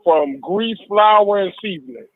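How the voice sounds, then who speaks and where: A man's voice: high-pitched, measured pace, dry recording. A middle-aged man from Detroit with a strong voice, chatting jovially as a caller to a radio show. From Detroit, United States. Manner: jovial, laughs often. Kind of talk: casual radio call-in chat. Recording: dull, band-limited call.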